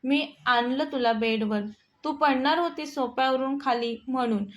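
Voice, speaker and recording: A woman's voice: high voice, a little slow. A woman voicing a brooding, protective young husband in a storybook reading, firm and commanding. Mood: matter-of-fact.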